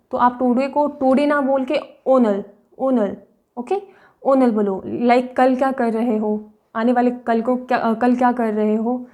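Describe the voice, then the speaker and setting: A young woman teaches a language lesson in a high, mellow voice. She explains each point patiently, says example words slowly more than once, and keeps checking that her viewers follow. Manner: explains patiently, often checks understanding with "right?" and "okay?".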